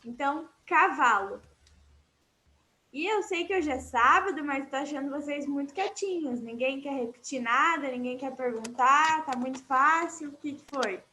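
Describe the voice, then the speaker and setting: A woman's voice: sits high, moderate pace, pushed and bright, slight background noise. A woman with a Brazilian accent teaching Portuguese vocabulary in an online class, explaining patiently and repeating words for her students.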